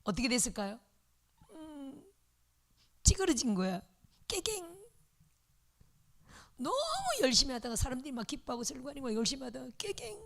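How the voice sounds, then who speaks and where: Lively woman pastor telling a story. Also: high voice, brisk, gravelly. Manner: lively storytelling with sound words, asks the congregation questions. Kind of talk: sermon with storytelling.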